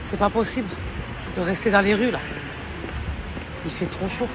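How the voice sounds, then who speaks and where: A deep-voiced woman with a strong Marseille accent talks straight to her followers in a chatty, confiding vlog. She is outdoors on city streets, with steady traffic noise running behind her. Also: normal speed. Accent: Marseille French. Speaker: vlogger. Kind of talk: casual vlog chat.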